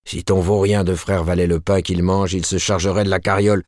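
A man's voice: low-pitched, flat delivery, fairly quick, darkish tone, no room sound, studio quality, natural voice. A man voicing a cold, vindictive middle-aged shopkeeper husband who hammers every word. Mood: cold, scolding.

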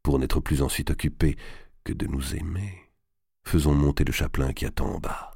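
A domineering, scheming nobleman, voiced by a male reader, with a deep voice that coaxes low and barks its orders. He is arrogant and quick to rage. The read is dry and close-miked. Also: steady tone, creaky, darkish tone, breathy edge, no room sound, heavily acted. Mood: coaxing. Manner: coaxing when low, barking orders when angry. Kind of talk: audiobook character voice.

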